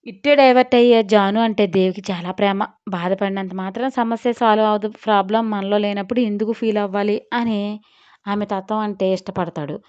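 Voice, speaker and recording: A woman narrating a serialized romance audio story in an expressive, scripted reading. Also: mid-range voice, a little fast, clean tone, dull audio.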